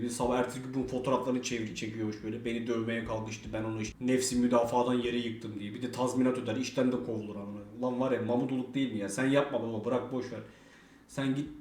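A man's voice: mid-range voice, darkish tone, roomy sound, a little hiss or hum. A young man telling a long story casually, swearing a lot and acting out the lines of the people in it. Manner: fast, rambling, swears a lot, acts out quoted dialogue.

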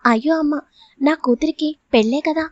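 A woman's voice: sits high, a little fast, a little mellow, no room sound, close to an everyday voice. A woman reading the part of a greedy, drunken middle-aged father who talks in a smug, wheedling way in a storybook reading. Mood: scheming. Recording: dull lo-fi audio.

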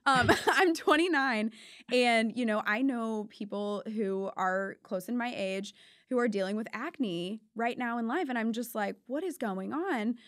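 A woman's voice: on the high side, a little slow, no echo. A woman in her twenties hosting a podcast, chatting in a bubbly, gushing way from a small studio. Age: 20s. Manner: bubbly, gushing, animated hand gestures. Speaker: podcast host. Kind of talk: casual chat. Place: small studio with foam panels. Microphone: studio mic with headphones.

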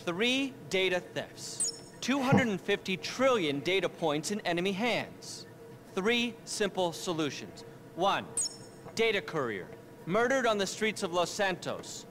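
An actor playing an arrogant, manic middle-aged tech billionaire in a video game, pompous, as if giving a keynote speech. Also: male voice, high-pitched, sing-song, unhurried, fairly bright tone, exaggerated voice. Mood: brisk, pompous. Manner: pompous, self-important, keynote-speech delivery.

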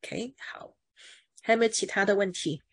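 A woman's voice: mid-range voice, normal speed. A woman teaching English pronunciation, explaining patiently with everyday examples and drilling words with her student. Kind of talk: pronunciation lesson.

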